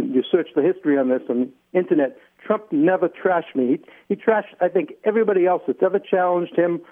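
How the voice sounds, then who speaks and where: A man with a New England accent explains himself as an interview guest, in a halting, deliberate way. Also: fairly high pitch, phone-quality sound. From Massachusetts, United States. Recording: band-limited radio phone-in sound.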